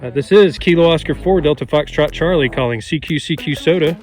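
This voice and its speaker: A man's voice: a little high, brisk, faint music behind. Man making ham radio calls. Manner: steady, clipped radio calling, repeating call signs. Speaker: ham radio operator activating a summit. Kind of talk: ham radio calls with phonetic call signs and signal reports. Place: outdoors on a mountain summit.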